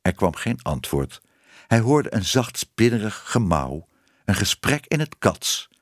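Expressive male storybook narrator. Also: fairly low pitch, measured pace, dry recording, studio quality. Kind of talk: audiobook reading.

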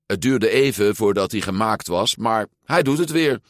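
A man reading a storybook aloud, voicing a brash, reckless teenage sea-monster boy who boasts and shouts. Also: on the low side, expressive, moderate pace, dry recording, studio quality, natural voice. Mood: boastful.

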